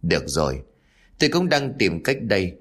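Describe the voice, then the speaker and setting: A man voicing a stern old male village exorcist who speaks in a gruff, commanding way. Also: low voice, sing-song, normal speed.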